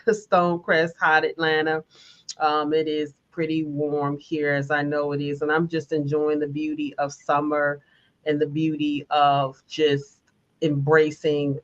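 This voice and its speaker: Woman, session facilitator, encouraging, lower voice, muffled livestream sound. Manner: warm, encouraging, reads viewer comments aloud. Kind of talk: guided group session on a live stream. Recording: dull lo-fi stream audio.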